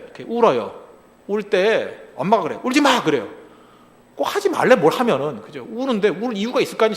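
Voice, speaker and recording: Male pastor, high and lively voice, animated sermon full of rhetorical questions, long reverb of a large hall. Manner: acts out short quoted lines in other voices.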